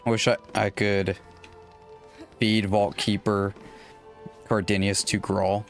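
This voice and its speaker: Low-voiced young man casually commenting on gameplay. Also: slow pace. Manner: relaxed, muttering to himself and viewers while playing. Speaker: gameplay streamer. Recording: faint game music behind. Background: faint game music.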